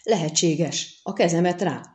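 A woman voicing a hearty, excitable male knight who hails loudly. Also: on the low side, close to an everyday voice. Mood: vowing.

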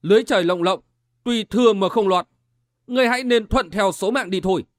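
A man voicing a vengeful young male swordsman who shouts his demands angrily and sternly in a martial-arts audiobook. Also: high voice, expressive, moderate pace, no echo, studio quality. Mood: angry.

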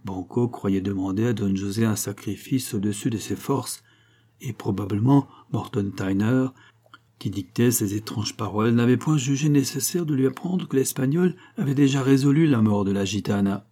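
A male audiobook narrator reading a classic novel with expressive, dramatic delivery. His voice sits at a medium pitch with a dark, mellow warmth. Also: moderate pace.

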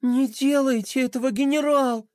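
A man's voice: very high-pitched, fairly even intonation, normal speed, a little mellow, dry recording, clean studio sound, voice pushed up. A man voicing a sweet, slightly snooty little toy princess who pleads. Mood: pleading.

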